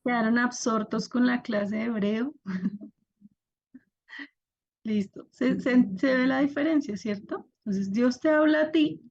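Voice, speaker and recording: A woman's voice: on the high side, slow pace, pauses often, darkish tone, muffled recording. A young woman teaching an online class, patiently explaining step by step and asking her students to react.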